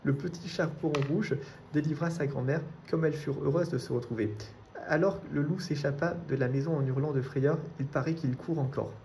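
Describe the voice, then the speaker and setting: A man's voice: on the high side, brisk, a little hiss or hum. Man reading a children's book aloud. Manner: steady storybook reading. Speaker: reader.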